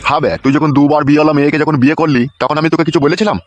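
A man's voice: on the high side, steady tone, very fast, dry recording, dull audio, close to an everyday voice. A man doing a ranting exasperated village dad. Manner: ranting, foul-mouthed. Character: exasperated older village father, cursing. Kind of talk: cartoon comedy dub.

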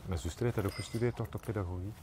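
A man's voice: on the low side, steady tone, rapid-fire, background noise. A Flemish man co-hosting an informal, chatty conversation. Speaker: host. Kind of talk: casual chat. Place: outdoor bar terrace at night.

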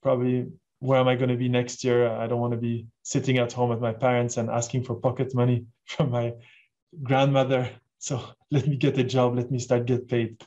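A man's voice: medium pitch, little pitch movement, moderate pace, a little mellow. A man in his forties from Switzerland, hosting an online session in a chatty, enthusiastic way and asking the audience questions. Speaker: webinar host. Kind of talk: casual presentation on a video call. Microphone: video call. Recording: dull lo-fi video call audio.

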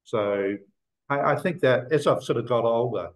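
A man's voice: medium pitch, normal speed, poor audio. A man in his sixties from New Zealand, a guest talking casually on a video call and rambling with many fillers and restarts. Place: office room indoors.

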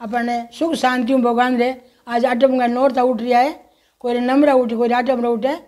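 High-voiced Rajasthani woman teaching home rituals. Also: little pitch movement, a little mellow. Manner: folksy, motherly, addresses viewers as children; slow, sing-song chanting of mantras. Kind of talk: instructional talk with mantra chanting.

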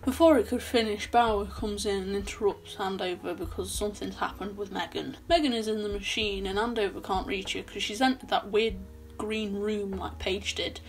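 A woman's voice: mid-range voice, steady tone, normal speed, a little hiss or hum. A young woman recapping a horror film in a casual, chatty way with sarcastic asides, filmed in a small bedroom at her desk. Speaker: film reviewer.

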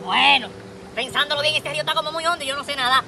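A woman voicing a rapid-talking evasive cartoon uncle. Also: high voice, gravelly. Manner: feigns deafness, dodging. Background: loud music.

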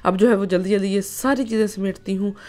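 A woman's voice: medium pitch, steady tone, fast talker, darkish tone, soft background music. A woman, narrating her home vlog in a chatty way, full of filler phrases. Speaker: vlogger.

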